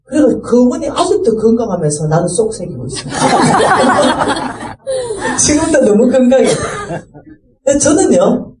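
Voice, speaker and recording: A middle-aged woman delivers a sermon-style testimony, her pitch swinging widely as she acts out the people in her story. Her tone is mellow and soft-edged. She sounds set back from the mic in a roomy, echoing hall. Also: distant mic. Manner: impassioned, rising to fervent pleading. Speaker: speaker giving a church testimony.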